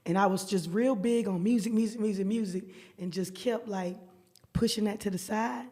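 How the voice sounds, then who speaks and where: Lively storytelling woman. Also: medium pitch, normal speed. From Alabama, US. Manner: lively storyteller, slangy, acts out dialogue. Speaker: guest private chef. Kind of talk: casual podcast chat.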